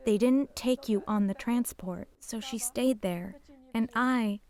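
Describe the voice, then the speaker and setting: Older woman giving halting testimony. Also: on the high side, a little mellow. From Poland. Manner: halting, emotional, drops to whispers at painful moments. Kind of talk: personal testimony.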